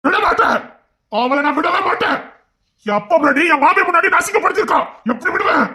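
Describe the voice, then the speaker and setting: A man's voice: extremely high pitch, animated, fast, pushed and bright, full character voice. A man voicing a bitter, stubborn jilted young man in an audio drama, speaking in a brooding, resentful, emphatic way. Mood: defiant. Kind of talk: Tamil audio drama acting.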